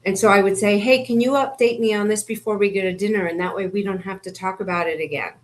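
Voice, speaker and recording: A woman's voice: medium pitch, fairly even intonation, quick pace. A woman who coaches people with horses, speaking earnestly and affirming her partner in a casual interview.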